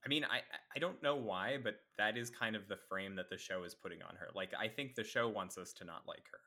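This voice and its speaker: A man's voice: on the low side, fairly quick, pushed and bright. A man hosting a casual podcast, introducing the show and reading a recap in an easygoing way. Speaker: podcast host. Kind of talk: casual chat.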